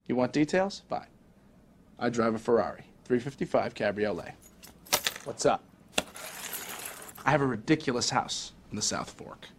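A man's voice: medium pitch, lively intonation, moderate pace, pauses often, a little hiss or hum. A man delivering a boastful, cocky monologue as film dialogue.

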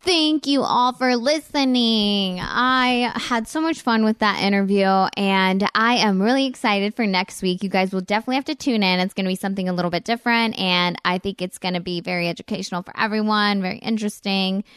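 A woman's voice: mid-range voice, a little fast, hardly any pauses, fairly bright tone, clean tone, no room sound. Eager, chatty woman podcast host, dry sound. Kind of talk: casual podcast chat.

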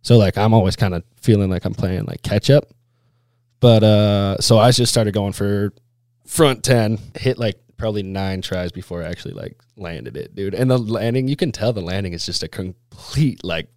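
A man with a fairly low voice chats casually as a guest in a close, dry recording. He tells his stories in loose, laid-back snowboarder slang, leaning on "like" and "dude" as he goes. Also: normal speed, a little mellow, no room sound. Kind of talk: casual chat, storytelling.

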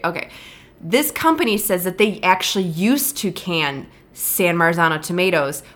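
A woman with a fairly low voice co-hosts a podcast in casual conversation. She tells stories with a wry, dry sense of humor. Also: pushed and bright. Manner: wry storytelling, dry jokes. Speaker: podcast co-host. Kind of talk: casual chat.

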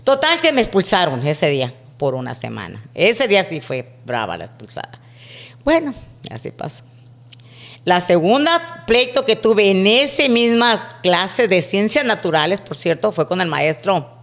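A woman's voice: mid-range voice, normal speed. A middle-aged woman, a podcast guest telling childhood stories casually and acting out the dialogue. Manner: animated, acts out quoted dialogue. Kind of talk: casual storytelling.

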